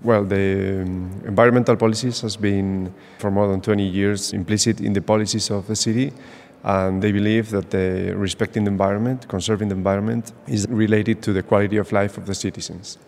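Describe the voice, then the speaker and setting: A man speaking as a live interpreter, relaying an official's words in a flat, halting delivery. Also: on the low side, big-room sound. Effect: live interpreter voice speaking over the original. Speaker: interpreter for the mayor.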